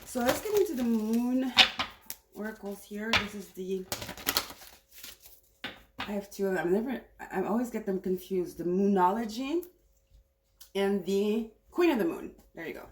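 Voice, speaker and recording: A woman talks through a tarot reading in a loose, chatty way, wandering between thoughts as she goes. Her voice sits at a medium pitch, and the recording has a noticeable roomy echo. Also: expressive, moderate pace, long pauses, very noisy. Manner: rambling, chatty, thinking aloud. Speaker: tarot reader. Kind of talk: casual spiritual reading.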